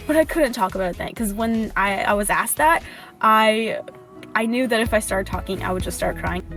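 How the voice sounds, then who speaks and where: Chatty young woman vlogging from her car. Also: fairly high pitch. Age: young adult. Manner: chatty and confiding, drops to a whisper when nervous. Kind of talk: casual storytime vlog. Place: parked car. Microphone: camera mounted close in car.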